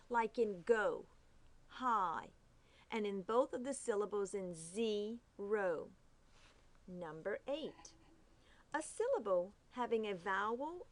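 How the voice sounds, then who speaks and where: A woman teaching a phonics lesson, carefully saying each letter sound and repeating it. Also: mid-range voice. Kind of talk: slow, deliberate phonics lesson.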